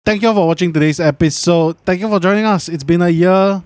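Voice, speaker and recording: A man's voice: high-pitched, fast talker, darkish tone, no echo, clean studio sound. A man with a Singaporean accent in casual podcast co-host chat, using colloquial Singlish phrasing.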